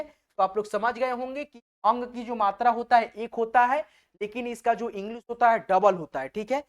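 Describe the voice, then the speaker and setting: A man from or teaching a spelling lesson, patient and repetitive, asking his own questions and then answering them. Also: extremely high pitch. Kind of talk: spelling lesson over a board.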